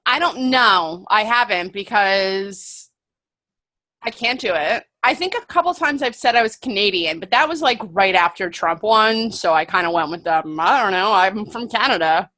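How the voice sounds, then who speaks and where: A woman co-hosting a podcast, trading quick, teasing banter in casual chat. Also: medium pitch, animated, pushed and bright. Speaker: podcast co-host.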